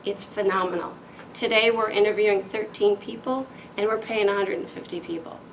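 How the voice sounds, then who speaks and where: A woman in an interview talks about her work with upbeat enthusiasm. Her voice sits in a middle pitch range. The mic is set well away from her, and faint noise runs underneath. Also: steady tone, brisk, recorded from a distance, rough recording. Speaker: interview guest, business owner. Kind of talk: conversational interview.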